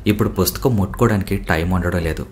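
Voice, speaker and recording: A man reading the part of a poised young woman civil servant in a calm, composed, polite way. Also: low-pitched, quick pace, faint music behind, natural voice.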